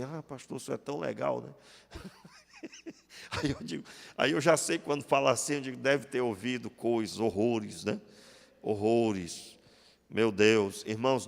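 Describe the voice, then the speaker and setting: High-voiced Brazilian pastor in a reverberant church. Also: male voice, a bit bright. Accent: Brazilian Portuguese, Rio de Janeiro. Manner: conversational preaching, acts out quoted dialogue, asks the congregation questions. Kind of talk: sermon. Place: church hall. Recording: long reverb of a church hall.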